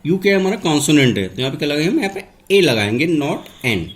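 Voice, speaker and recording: A man teaching English grammar in a classroom lesson. He asks questions and answers them himself, and says key words over slowly. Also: fairly high pitch, very animated. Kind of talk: classroom lesson, step-by-step explanation.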